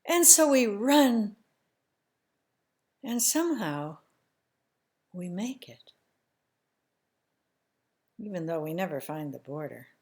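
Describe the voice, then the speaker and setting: A woman telling a family story in the first person, slow and emotional, sometimes dropping to a hushed near-whisper. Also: lowish voice, animated.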